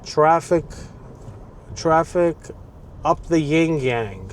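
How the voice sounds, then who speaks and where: Driving through city traffic, a man in his sixties with a New York accent vlogs in a fairly high, expressive voice, drawing out his words. He's opinionated and rambling, with grumbling asides, while faint traffic noise sits underneath.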